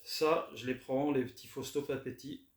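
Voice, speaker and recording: A man chatting casually as he shows off his record finds, relaxed and hesitant with many fillers. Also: medium pitch, normal speed. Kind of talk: casual unboxing chat. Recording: roomy echo, faint noise.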